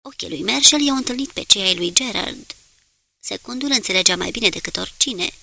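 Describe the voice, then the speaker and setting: A woman reading a novel aloud as an audiobook narrator, in a steady, measured way. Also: medium pitch, vocal fry, no room sound.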